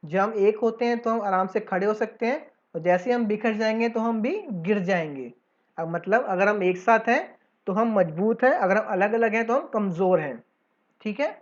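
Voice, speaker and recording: Woman teacher explaining a lesson. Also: medium pitch. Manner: reads English lines slowly, explains in Hindi; frequent "theek hai" check-ins. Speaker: English teacher. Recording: slightly dull lo-fi audio.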